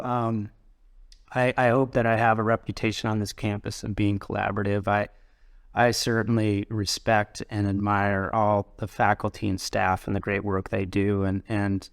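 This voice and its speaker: A middle-aged man from Colorado, a university president, talking through an interview in a thoughtful, halting way with many restarts. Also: on the low side, clear, resonant tone, dry recording, clean studio sound. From Colorado, USA. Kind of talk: casual interview conversation.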